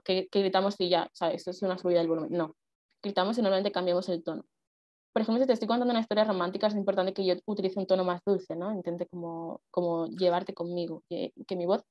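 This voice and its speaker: A woman's voice: mid-range voice, no echo. Woman teaching a speech workshop, dry dull sound. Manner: conversational, with many fillers and rhetorical questions. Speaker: speech workshop instructor and speech judge. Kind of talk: explanatory workshop talk.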